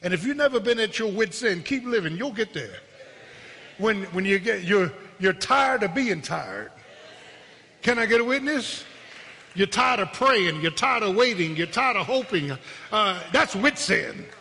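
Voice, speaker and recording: Man, pastor, call-and-response sermon, bright and sharp, lively pitch. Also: unhurried, gravelly. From South Philadelphia. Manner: call-and-response preaching, repeats words, rising to shouts. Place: church sanctuary. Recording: long hall reverb.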